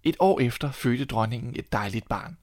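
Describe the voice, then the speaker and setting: A Danish man reading a fairy tale aloud in a calm, measured storytelling manner. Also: medium pitch, dry recording, clean studio sound.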